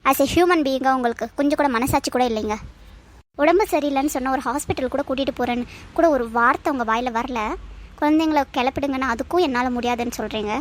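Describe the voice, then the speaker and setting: Cartoon working wife, a woman voicing, firm, argumentative, high-pitched. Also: quick pace, natural voice. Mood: indignant. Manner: firm, arguing.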